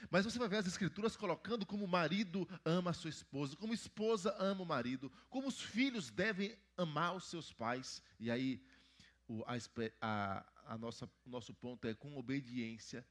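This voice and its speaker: A man with a fairly high-pitched, slightly bright voice, speaking at a normal speed, is a pastor teaching Sunday school. He teaches a Bible lesson in church, asking the children questions and prompting their answers.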